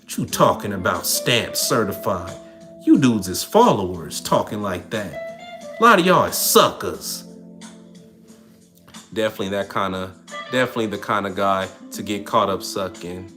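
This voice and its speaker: A man's voice: on the low side, big pitch swings, moderate pace, pushed and bright, soft background music. A man hosting a livestream in casual talk, reading and answering chat comments in a streetwise, preachy manner. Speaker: livestream host.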